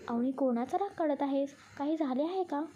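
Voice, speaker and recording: A woman's voice: high voice, moderate pace, dark tone, dull audio, lightly acted. A woman voicing a bubbly young woman who pleads, hurries and gets shy in a storybook reading.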